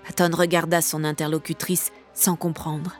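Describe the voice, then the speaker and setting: A woman narrating a fantasy audiobook in a steady, measured storytelling manner. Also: sits low, faint music behind.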